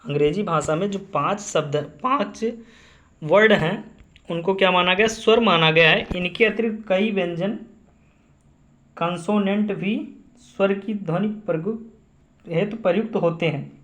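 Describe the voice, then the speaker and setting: A man's voice: high-pitched, measured pace, fairly bright tone. A man teaching English grammar, repeating each definition and asking and answering his own questions. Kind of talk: classroom-style grammar lesson.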